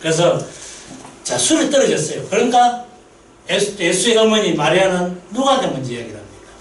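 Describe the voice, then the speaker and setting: Guy preaching in a church, high animated voice, echoey hall, a bit far off. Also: brisk. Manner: lively storytelling, asks the congregation questions. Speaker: missionary pastor. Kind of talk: sermon at a mission meeting. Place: church sanctuary.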